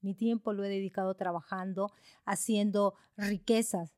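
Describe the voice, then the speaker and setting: A woman's voice: medium pitch, fairly even intonation, moderate pace, darkish tone, no room sound, clean studio sound, natural voice. A woman voicing a frustrated working father who later pleads for forgiveness. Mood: remorseful.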